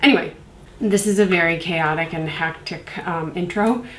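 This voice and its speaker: A woman's voice: fairly low pitch, moderate pace, a bit bright, echoey room, a little hiss or hum, poor audio. A young woman with a congested voice from a cold, chatting casually and rambling with many fillers as she reviews skincare. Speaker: beauty reviewer. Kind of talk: casual product review vlog.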